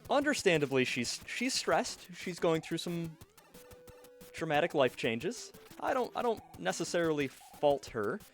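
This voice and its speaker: A man's voice: on the high side, sing-song, measured pace, faint music behind. Joking man telling a tale while gaming. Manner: joking, distracted, self-interrupting. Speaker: streamer and storyteller. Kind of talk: casual storytelling while gaming.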